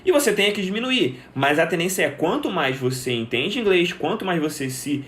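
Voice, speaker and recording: A man's voice: sits high, sing-song, a little fast, fairly bright tone. A young man teaching in a live stream, answering viewers' questions and explaining step by step, often asking a question and then answering it himself. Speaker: English teacher.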